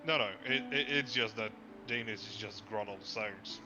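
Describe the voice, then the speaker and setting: A lowish-voiced man talks at normal speed on a livestream call, casual and joking, rambling and tripping over his words since he's awake early and sleepy. The background is noisy with guitar music, and the call audio sounds muffled and lo-fi.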